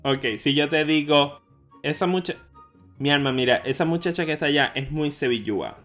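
A man's voice: a little high, brisk, a bit bright, soft background music. A young man from Maracaibo with a Venezuelan Maracucho accent, explaining local slang in a casual, playful chat and often laughing.

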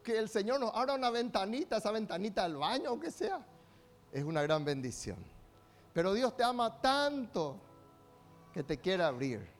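A male pastor with a high voice preaching to his church. He leads call-and-response and moves between quiet, drawn-out lines and loud rallying shouts. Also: very animated, faint music behind. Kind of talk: sermon.

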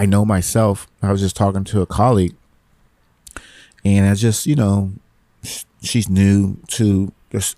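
A man's voice: fairly low pitch, warm tone, no echo. A middle-aged man hosting a podcast, giving rambling, encouraging motivational talk and repeating his phrases. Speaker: podcast host.

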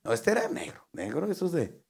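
A man's voice: a little high, wildly swooping pitch, brisk, creaky, slightly rough. A man with a northern Mexican accent, hosting a casual chat and telling a crude joke, acting out the voices in it. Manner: crude slangy storyteller, acts out voices.

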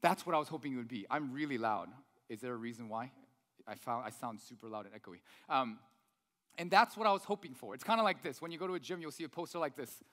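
A man's voice: medium pitch, expressive, fast talker. A man preaching a chatty sermon as a pastor, reading scripture and correcting himself as he goes, his voice ringing with a big hall echo. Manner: chatty, self-correcting, often adds "right?". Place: church hall. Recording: loud voice in an echoey hall.

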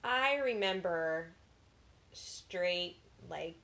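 Woman, 30s, co-host, husky and a bit gravelly, low-pitched, dry teasing delivery. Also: animated, drawn-out words, bright, forceful tone. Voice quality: husky today. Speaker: podcast co-host. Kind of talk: casual chat.

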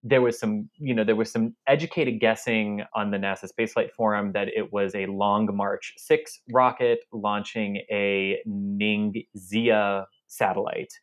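Man, lowish voice, explanatory co-host, casual chat. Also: steady tone, measured pace, few pauses. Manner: detailed, explanatory. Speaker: podcast co-host. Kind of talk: casual space news chat.

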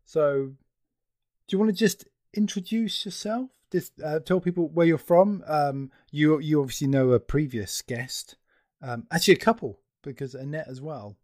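A man's voice: fairly high pitch, moderate pace, a little mellow, no room sound, clean studio sound. A middle-aged man hosting a casual conversational interview. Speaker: interview host.

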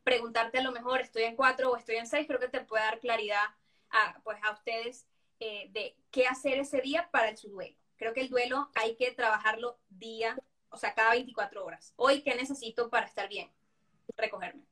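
A woman's voice: a little high, fairly even intonation, normal speed. A woman hosting an interview, speaking earnestly and sharing her own experience in casual conversation. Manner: earnest, personal, thanks the guest warmly. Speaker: host.

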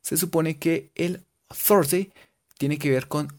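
A young man teaching English pronunciation in a casual video lesson, joking and drilling words slowly. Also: fairly high pitch, fairly even intonation, a little mellow.

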